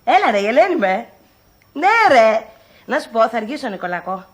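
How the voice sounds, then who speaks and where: An actress playing a sharp-tongued woman faking illness, with a brash, mocking, melodramatic manner, in a film comedy. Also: a little high, very animated.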